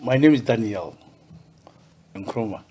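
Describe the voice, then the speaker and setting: A man from Ghana, a podcast guest telling his story in a cheerful, halting way, often repeating words. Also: on the low side, animated, darkish tone, slightly rough. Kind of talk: casual interview.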